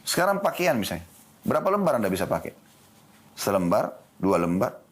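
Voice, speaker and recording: A man's voice: fairly low pitch, brisk, slightly rough. A man giving an Islamic lecture in a studio, asking his listeners questions and answering them himself. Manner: lively, rhetorical questions to the audience. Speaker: Islamic preacher.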